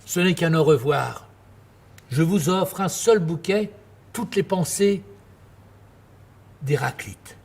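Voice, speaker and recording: A tender, grandiloquent male night-radio host on stage. His voice sits fairly high and has a husky grain. He speaks in effusive, lyrical phrases and flusters easily. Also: slow, long pauses, darkish tone, full character voice. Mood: tender, solemn. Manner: effusive, lyrical, repeating words when flustered. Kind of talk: theatrical stage monologue as radio sign-off.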